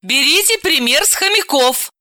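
Bossy, sharp-tongued woman, voiced by a man, high and scolding, animated, dry room. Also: a little slow, no echo, heavily acted.

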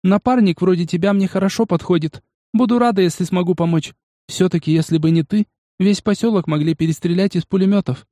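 A man's voice: sits high, brisk, warm tone, no room sound, studio quality, voice pushed up, natural voice. A man voicing a confident, eager young woman in an audiobook, speaking with authority. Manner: authoritative, upbeat.

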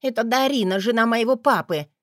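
A woman voicing a spoiled, bratty young stepdaughter who whines and shouts. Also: mid-range voice, animated, normal speed, no echo, clean studio sound, natural voice. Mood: petulant. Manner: whiny, capricious.

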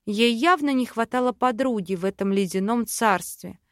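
A woman reads a fantasy audiobook in first person, with smooth, even storytelling. Her voice sits fairly high for a woman, and the recording is dry and close, with no room sound. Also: normal speed, no echo. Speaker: audiobook narrator. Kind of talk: scripted narration.

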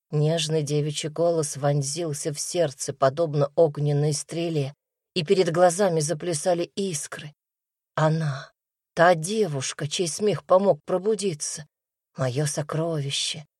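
A woman reading a first-person fantasy story with a low, unhurried voice. The sound is close and dry, with no room around it. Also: steady tone, a little mellow, slightly rough, dry recording. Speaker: audiobook narrator. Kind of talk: scripted first-person narration.

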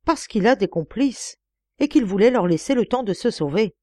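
A woman voicing a clever young male detective who explains his reasoning calmly. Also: medium pitch, no room sound, studio quality, pitched above the performer's own voice, natural voice. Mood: explaining. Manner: calm, explaining, measured.

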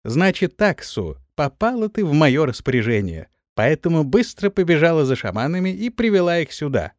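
Bossy warrior lady, loud and threatening, male narrator doing her, swings her voice up and down. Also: fairly high pitch, sing-song, normal speed, no echo, clean studio sound. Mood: commanding. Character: stern commanding female warrior mistress.

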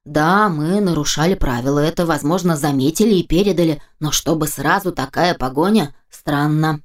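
A woman voicing a reckless, cheerful male getaway driver who talks low and stubborn in an audiobook. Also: moderate pace. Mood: gruff.

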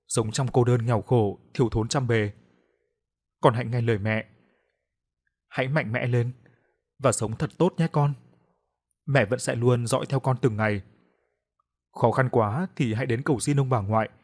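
A man's voice: medium pitch, natural voice. A man voicing a weak, dying mother saying loving farewells to her child in a storybook tale. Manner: faint, pleading farewell.

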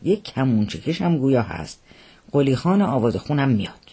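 A show-off dandy gossiping loudly, read by a man. His voice is husky and breathy, and he talks in a chatty, boastful way. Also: medium pitch, big pitch swings. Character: gossiping male dandy, showing off.

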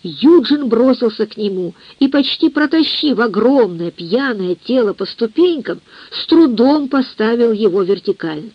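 A woman giving a measured, expressive reading of a novel as an audiobook narrator. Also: a little high, breathy edge, dry recording. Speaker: audiobook reader. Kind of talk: scripted literary narration. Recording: muffled lo-fi dry recording.

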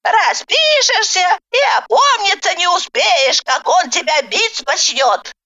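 A woman's voice: very high voice, lively intonation, takes it slowly, sharp tone, muffled recording, pitched above the performer's own voice, full character voice. Woman playing a sly folksy old granny. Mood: ominous warning. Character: sharp-tongued scheming old grandmother.

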